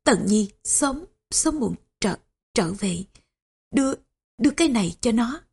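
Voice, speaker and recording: A woman's voice: medium pitch, normal speed, gravelly, darkish tone, breathy edge. A woman voicing a frail dying old father who stammers and speaks in weak, broken phrases. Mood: frail, faltering. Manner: stammering, faltering weak speech.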